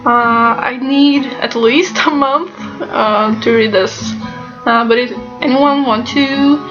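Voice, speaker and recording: A woman talks in a casual, halting vlog style. Her fairly high voice is congested and nasal, like someone with a broken nose who cannot breathe through it. She takes her time, and the recording is a little muffled and lo-fi. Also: music in the background. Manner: halting, often breaking into small laughs. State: stuffed-up nose. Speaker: book vlogger. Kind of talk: casual chatty book haul. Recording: slightly dull, lo-fi sound.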